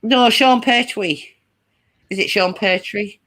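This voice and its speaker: Slow, giggly woman. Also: mid-range voice, a bit bright. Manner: giggly, chatty, slow-paced. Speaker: live stream host. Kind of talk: casual chat.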